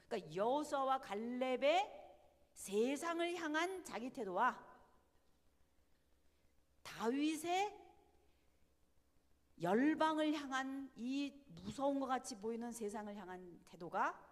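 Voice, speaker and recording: A woman giving a Bible study lecture, animated and emphatic, often putting rhetorical questions to her listeners. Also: high-pitched, a little slow, pauses often, long reverb tail.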